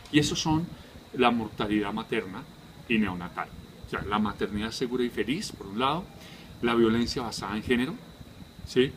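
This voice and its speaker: A man working in humanitarian health, giving a measured explanatory talk full of fillers and questions he answers himself. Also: medium pitch, slight background noise.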